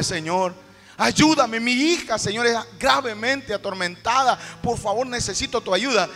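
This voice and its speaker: Man, pastor's sermon, very high voice, repetitive fervent delivery, hall reverb. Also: sharp tone. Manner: preaching with rising fervor, repeating phrases. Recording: echoey hall with music behind.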